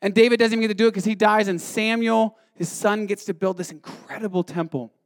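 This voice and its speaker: A man preaching a sermon, telling the story with animated energy and acting out the voices, swinging from loud to hushed. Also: high-pitched, quick pace. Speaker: pastor.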